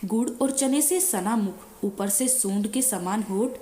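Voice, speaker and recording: A woman reading a devotional fasting story in a steady recital. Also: medium pitch, roomy sound.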